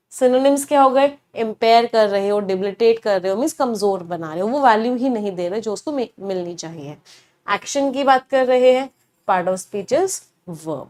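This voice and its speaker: A young woman teaching English vocabulary online, explaining each word in Hindi mixed with English and asking herself rhetorical questions. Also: on the high side.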